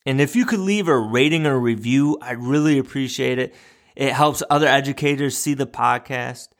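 A man hosting a podcast for educators, reading a moral tale in a measured, reflective way. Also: medium pitch. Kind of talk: storytelling narration and podcast outro.

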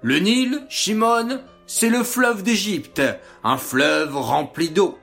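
A kind, cheerful schoolteacher, as a man plays him in a storybook, speaking to his young class. The tone is encouraging, a bit raised in pitch, and unhurried. Soft music sits behind. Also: creaky, full character voice. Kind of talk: storybook character voice.

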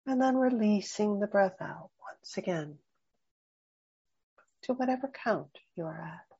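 A woman guiding a slow breathing meditation, speaking softly and soothingly with long pauses. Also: mid-range voice, animated, slightly rough, muffled recording. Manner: slow, soft, soothing and unhurried. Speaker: meditation guide.

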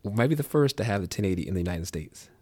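Eager man interviewer, lowish voice. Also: animated, fast, mellow, breathy edge, no echo. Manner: eager, restarts questions often. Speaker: podcast host. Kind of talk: casual interview.

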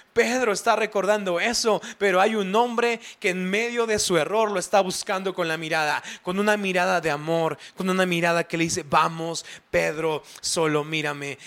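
A man's voice: high-pitched, a bit bright. A man preaching a sermon, retelling a scripture story vividly with lots of repetition.

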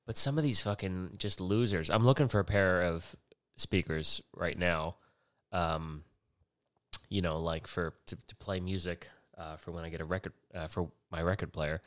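Dude ranting on his podcast, lowish voice, cussing a lot, wanders off topic. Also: steady tone, moderate pace, no echo. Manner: profane, rambling, self-mocking. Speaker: podcast host. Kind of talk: casual solo podcast rant. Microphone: headphones and podcast mic.

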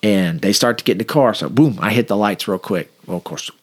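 Brief: male cop, lower voice, casual animated storyteller. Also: a little fast. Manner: animated anecdote with acted-out quotes. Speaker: police officer.

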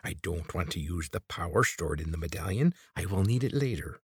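Male reader voicing a desperate, menacing old man with a quavering voice; low and husky, audiobook. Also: expressive, fairly quick, no room sound, clean studio sound, heavily acted. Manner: snapping, threatening.

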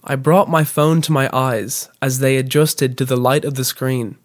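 A man, a podcast host, reading scripted comic narration in a deadpan, mock-grandiose way. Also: medium pitch, moderate pace.

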